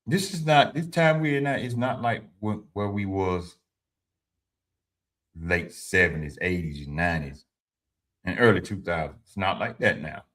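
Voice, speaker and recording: Man in his fifties, low and forceful, livestream host with a preachy advice style. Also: expressive, normal speed. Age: 50s. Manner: informal and preachy, repeats his points; speaks to viewers directly, answers chat. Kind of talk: motivational talk to a live audience.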